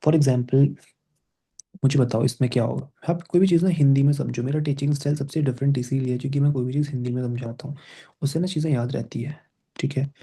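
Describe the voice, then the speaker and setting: Very dark-voiced man teaching grammar. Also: mid-range voice, steady tone, a little fast, slightly rough. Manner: explains step by step, constantly quizzing students with checking questions; mixes Hindi and English phrases. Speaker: English teacher. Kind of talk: classroom grammar lesson.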